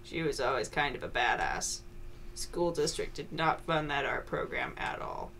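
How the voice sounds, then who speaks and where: A woman's voice: sits low, lively intonation, normal speed, vocal fry, a bit bright, a little hiss or hum. A woman streamer chatting casually while playing, with dry, joking asides. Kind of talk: casual gaming chat.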